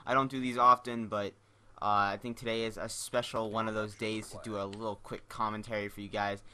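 A man's voice: lowish voice, flat delivery, a little fast, bright, forceful tone. A young man hosting his gaming channel, telling a casual story in a rambling, profane way, often repeating and restarting words.

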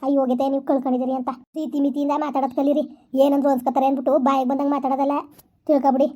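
A fierce young elder sister, played by a woman, rattling off rapid scolding lines. Her high voice has a mellow, darker tone. It is a protective, indignant village-skit role. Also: little pitch movement, lightly acted.

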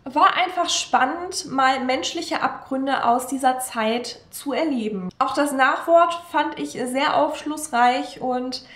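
Sitting at her desk before a wall of bookshelves, a young German-native vlogger chats casually about the classics she loves, full of enthusiasm and fillers. Her high, fairly bright voice moves slowly yet hardly pauses, and the room adds reverb.

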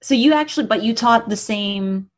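Woman co-host, plain mid voice, quick curious questions. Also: a little high. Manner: brief interjections, curious questions. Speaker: podcast co-host. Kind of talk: casual chat.

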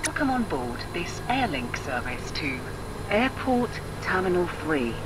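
A woman's voice: lowish voice, very noisy. A woman voicing an onboard train announcer. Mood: announcing. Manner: calm, measured, formal.

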